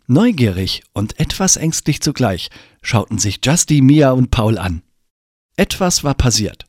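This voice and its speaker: Husky man reading a children's story. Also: mid-range voice, unhurried, dry recording. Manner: expressive, lively storytelling. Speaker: narrator.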